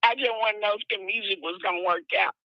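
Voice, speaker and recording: A woman's voice: mid-range voice, fairly even intonation, quick pace, no room sound. A woman phoning in to a live show, talking casually over a telephone connection. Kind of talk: casual phone conversation. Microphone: phone call. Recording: dull lo-fi telephone line.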